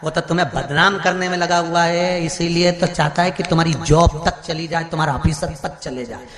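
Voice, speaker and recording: A man voicing a scheming, greedy male crow who tattles slyly, in an echoey hall with loud music behind. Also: a little high, steady tone, normal speed, a crowd in the background, natural voice.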